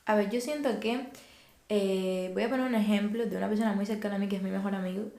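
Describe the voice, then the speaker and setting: A woman's voice: mid-range voice, fast talker. A young woman with a Cuban Spanish accent, chatting casually as a podcast guest and acting out quoted dialogue as she tells stories. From Cuba. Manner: animated storyteller, acts out quoted dialogue. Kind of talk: casual chat. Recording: roomy echo.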